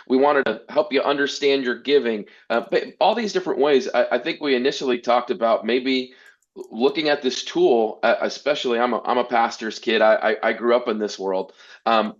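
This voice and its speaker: A man presenting a church-software webinar, talking earnestly with many restarts and repeated words. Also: medium pitch, dull audio. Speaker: workshop presenter.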